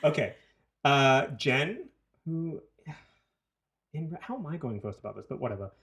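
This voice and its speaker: Podcast co-host, man, New Zealand accent, animated and scattered, swings his pitch a lot. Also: measured pace. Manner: animated, jumps between topics, swears. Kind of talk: casual chat.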